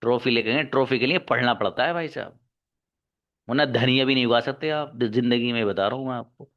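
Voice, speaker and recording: A man's voice: mid-range voice, brisk, fairly bright tone. Male english teacher lecturing and scolding his students, lo-fi muffled audio. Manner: scolding, exhorting, calls students son and daughter. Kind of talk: lecturing an online class. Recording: dull lo-fi recording.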